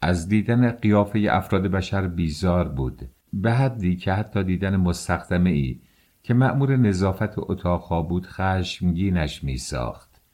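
Deep-voiced man narrating a novel. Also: expressive, darkish tone. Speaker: audiobook narrator. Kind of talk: scripted literary narration.

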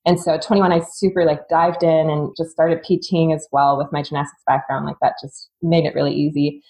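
The recording is rough, capturing a woman's low, slightly mellow voice that moves briskly with little pitch variation. A fitness coach in her thirties from Singapore, she chats candidly as a podcast guest, telling her story conversationally and often laughing mid-sentence.

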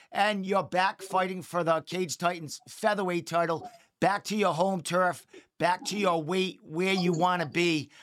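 Rambling high-voiced podcast host. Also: male voice, a bit bright. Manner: rambling, halting questions. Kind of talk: casual interview.

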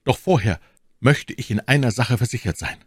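A man's voice: medium pitch, animated, normal speed, slightly rough, no echo, voice pushed up. A man voicing a gallant, earnest young swordsman who speaks in a courtly, pleading way in an audiobook. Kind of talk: audiobook character voice.

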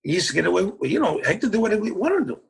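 A man's voice: high voice, sing-song, rapid-fire, vocal fry, slightly rough. A man telling old band stories in an interview, rambling along with many fillers and restarts. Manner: rambling, full of "you know" fillers and restarts. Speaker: musician recalling band days. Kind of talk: anecdotal storytelling interview.

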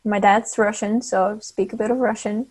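A woman's voice: mid-range voice, fairly even intonation, moderate pace, darkish tone, husky. Woman, 20s, from Bulgaria, Bulgarian native speaker, interview guest, friendly, chatty. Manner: friendly, chatty, laughs lightly. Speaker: guest cosplayer. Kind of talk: casual interview.

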